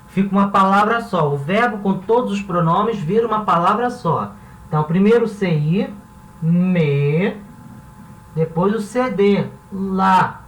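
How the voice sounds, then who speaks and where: A man teaching a grammar lesson, explaining step by step and asking rhetorical questions as he goes. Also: high-pitched. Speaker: Spanish teacher. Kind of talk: classroom-style grammar lesson. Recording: roomy, slightly distant mic.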